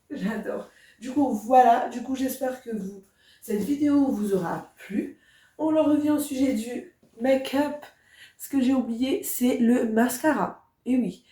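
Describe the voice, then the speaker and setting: Young female vlogger, enthusiastic, quiet delivery, higher voice, recorded far off in an echoey room. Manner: chatty, enthusiastic, addresses viewers directly; soft-spoken. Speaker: beauty vlogger. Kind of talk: casual get-ready-with-me vlog. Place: indoor room. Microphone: camera standing at a distance.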